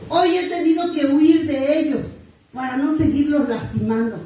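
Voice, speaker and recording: A woman's voice: sits high, moderate pace, mellow. Mexican woman, middle-aged, blunt self-mocking confession, echoing room, faint hiss. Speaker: sharer at a recovery group meeting. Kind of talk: personal testimony. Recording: echoey distant room mic.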